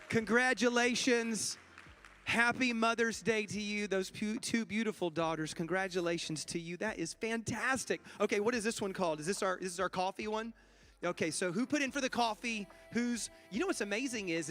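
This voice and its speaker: A pastor jokes playfully with his congregation as he runs a raffle from the church stage during service announcements. His voice sits high with a fairly bright tone.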